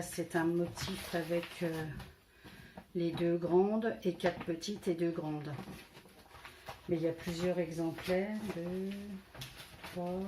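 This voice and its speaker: A woman from France presents a casual scrapbooking haul, hesitating and using lots of fillers while counting items aloud as she shows them. Her voice is lowish, and there's background noise.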